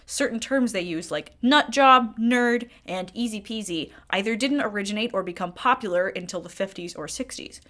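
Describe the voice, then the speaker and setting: A woman's voice: mid-range voice, moderate pace, hardly any pauses, a bit bright. A woman giving scripted, opinionated video-essay commentary as a critical game reviewer.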